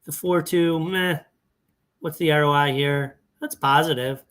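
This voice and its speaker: A man's voice: a little high, fairly even intonation, a little slow, a bit bright. Chatty man thinking aloud over data. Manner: thinking aloud, self-correcting, conversational. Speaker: fantasy sports analyst. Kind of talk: casual screen-share walkthrough.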